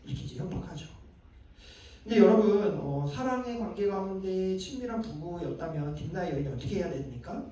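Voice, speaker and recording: Lively Korean pastor preaching in an echoey hall. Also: male voice, high voice, brisk. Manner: conversational, quizzes the audience and acts out quoted lines. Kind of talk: sermon to a young adults group. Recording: echoey room heard from a distance.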